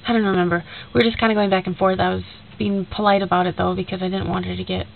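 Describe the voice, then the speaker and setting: Stuffed up and nasal from a cold, a young woman talks fast in a flat, mid-range voice with vocal fry. She rambles casually through a video message to a friend, retelling a conversation full of fillers, and the lo-fi recording is tinny with a faint hiss.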